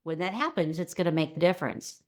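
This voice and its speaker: Lively middle-aged woman explaining as a guest. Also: fairly low pitch, fast talker. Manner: lively, breaks into acted-out quotes. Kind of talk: conversational interview explanation.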